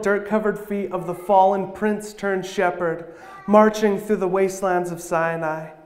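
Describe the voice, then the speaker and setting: A man with a high voice delivers a sermon as slam poetry, his lines landing in rhythmic, rhyming bursts. He speaks to a congregation in a church hall. The sound carries a noticeable echo from the room. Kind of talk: spoken word poetry sermon.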